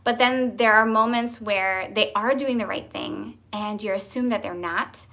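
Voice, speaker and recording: A woman's voice: medium pitch, measured pace, sharp tone. A young woman, a homeschooling mom, chatting candidly from home and laughing now and then as she tells family stories. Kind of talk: casual chat.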